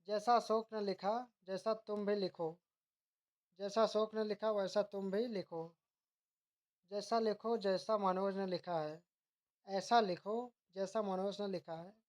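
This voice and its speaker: A female teacher runs through a grammar drill at an even, measured pace in a medium-pitched voice. She reads each incorrect sentence followed by its corrected version, occasionally stopping partway to fix a word.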